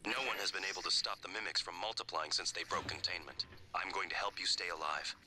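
A man voicing a low steady radio guide. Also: fast, background noise, lightly acted. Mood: calm.

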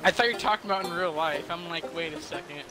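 Gaming buddy, man; slightly high voice, giggly, casual swearing. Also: fast talker, over music. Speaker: friend playing along.

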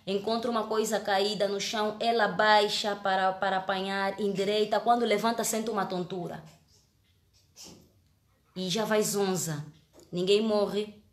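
Earnest woman, echoey room. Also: mid-range voice. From Angola. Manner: earnest, emotional storytelling with many restarts. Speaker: actress. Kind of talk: casual live-stream chat.

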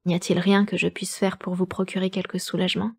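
Woman reading as a concerned young gentleman. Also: on the low side, little pitch movement, quick pace, vocal fry, slightly rough, no room sound, studio quality. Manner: gentle, solicitous.

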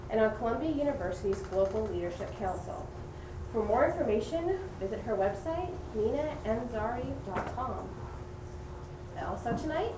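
Woman reading an introduction in a bookstore. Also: on the high side. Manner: reads from paper, stumbles over names. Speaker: bookstore event host. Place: bookstore event room. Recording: roomy, distant, noisy.

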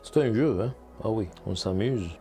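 A man's voice: fairly low pitch, normal speed, music in the background. A man, a painting instructor talking casually as he demonstrates, thinking aloud and checking in with viewers. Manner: chatty, thinks aloud, addresses viewers with "hein" and "vous voyez".

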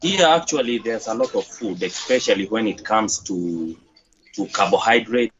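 A man's voice: lowish voice, fairly bright tone. Kenyan man on a lo-fi video call. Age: young adult. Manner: halting, with many fillers and restarts. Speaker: interview guest, gym owner. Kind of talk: casual video-call interview. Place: outdoors by a corrugated metal wall. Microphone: headset on a video call. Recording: dull lo-fi video-call audio with faint noise.

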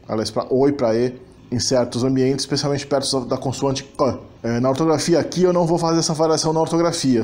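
A man's voice: medium pitch, darkish tone. A man with a Brazilian Portuguese accent, hosting a linguistics channel and explaining grammar step by step, sometimes correcting himself mid-sentence. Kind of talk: explanatory language lesson.

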